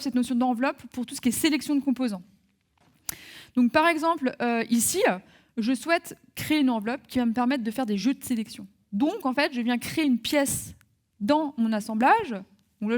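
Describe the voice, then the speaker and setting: Woman, software trainer, live demo webinar, hesitant, frequent fillers, fairly high pitch. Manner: hesitant, many fillers and restarts.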